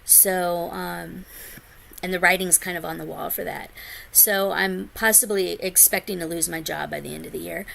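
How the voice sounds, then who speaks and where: A flosstube vlogger, a woman in her forties from the United States, rambles to her viewers with lots of ums and a tired sound. Her voice sits on the low side and is gravelly and a bit bright, with fairly even intonation and a moderate pace.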